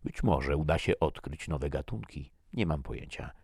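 A man's voice: rumbling low, lively intonation, moderate pace, vocal fry, darkish tone, slightly rough, no room sound, clean studio sound, exaggerated voice. A man voicing a thoughtful male researcher in an audiobook reading.

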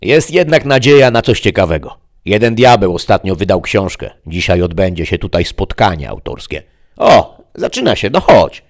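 A man's voice: low voice, very animated, moderate pace, pitched above the performer's own voice. A man voicing a fat, pompous male demon who grumbles about modern books and pushes people around. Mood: eager. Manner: grumbling, then pushy and eager.

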